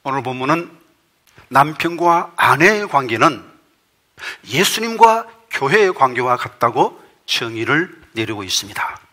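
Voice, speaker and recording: A middle-aged man preaching a sermon as pastor, emphatic and rising to forceful peaks. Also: mid-range voice, sing-song. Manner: reads a quoted testimony aloud in a measured storytelling tone.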